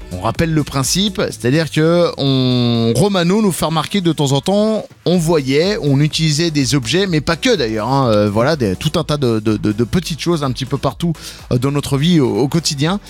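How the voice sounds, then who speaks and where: A man in his thirties hosts a morning radio show from a studio mic, chatty and playful as he leads each segment. His voice sits a little high for a man, and a faint bed of music plays underneath. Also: expressive, moderate pace. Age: 30s. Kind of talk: casual radio banter. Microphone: studio microphone.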